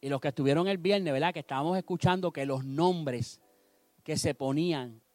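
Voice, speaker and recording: A man preaching a sermon, telling a story with animated delivery and acting out the characters. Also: on the high side, normal speed, no room sound, faint music behind.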